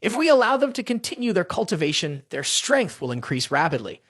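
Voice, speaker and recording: A man's voice: sits high, very animated, a little fast, fairly bright tone, dry recording, clean studio sound, full character voice. A man voicing a scheming female senior disciple in a fantasy story recap, who plays sweet and innocent.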